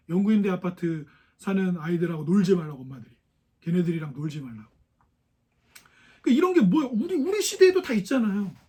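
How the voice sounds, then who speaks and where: Male pastor with a high voice, preaching casually and questioning the congregation. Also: mellow, husky. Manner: conversational preaching with many rhetorical questions to the congregation. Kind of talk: sermon. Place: church sanctuary.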